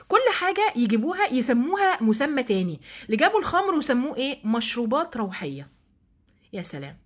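A woman with an Egyptian accent giving a religious lesson, asking rhetorical questions, checking in with listeners and adding emphatic, affectionate asides. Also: on the high side. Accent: Egyptian Arabic. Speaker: religious teacher.

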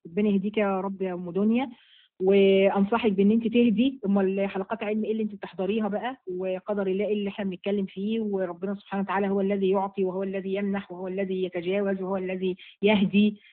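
Fast-talking Egyptian woman on a tinny line. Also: medium pitch, little pitch movement. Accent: Egyptian Arabic. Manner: brisk, firm, motherly, blessing each asker by name. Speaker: religious teacher answering viewers' questions. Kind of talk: live question-and-answer session. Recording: phone-like narrow sound.

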